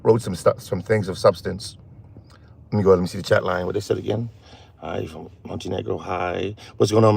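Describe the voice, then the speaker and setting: A man hosting a casual phone livestream while driving at night, rambling and halting as he talks to his chat. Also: low voice, vocal fry, darkish tone. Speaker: live stream host. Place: in a car at night.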